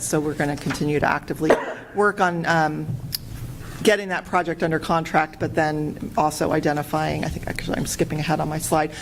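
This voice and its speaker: A woman on city staff walks a budget committee through public works projects, pausing often with fillers. Her voice is very low for a woman, with faint noise in the room behind her. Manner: hesitant, many fillers. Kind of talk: presenting at a budget meeting. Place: council meeting room.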